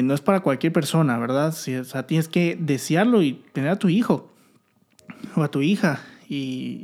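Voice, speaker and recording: Young guy vlogging, kinda high voice, earnest and open, low music in the back. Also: a little mellow. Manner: earnest, candid, talks straight to viewers. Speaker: vlogger, new father. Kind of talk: casual vlog talk to camera.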